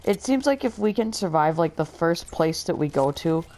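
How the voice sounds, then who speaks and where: A man's voice: on the high side, lively intonation, normal speed. A young man chatting casually with friends while playing an online game, rambling through stories in a laid-back way. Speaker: gamer, channel host. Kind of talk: casual gaming chat with friends. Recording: noisy voice chat recording.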